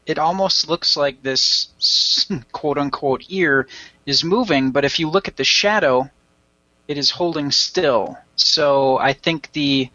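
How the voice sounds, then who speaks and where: A man's voice: mid-range voice, pushed and bright, dry recording, muffled recording. A man co-hosting a casual podcast, making joking, self-deprecating asides. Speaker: podcast co-host. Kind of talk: casual chat.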